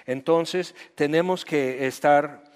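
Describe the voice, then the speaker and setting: A man's voice: on the high side, slow, a little mellow, clean tone, long reverb tail. A man from the United States with an American accent, preaching a direct, conversational sermon in Spanish as a pastor and acting out quoted dialogue.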